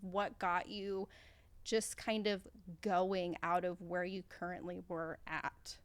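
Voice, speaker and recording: A woman's voice: on the low side, flat delivery, slow pace, smooth, no room sound. Bubbly Midwestern woman podcast host. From American Midwest. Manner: bubbly, enthusiastic, says "like" often. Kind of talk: casual podcast interview.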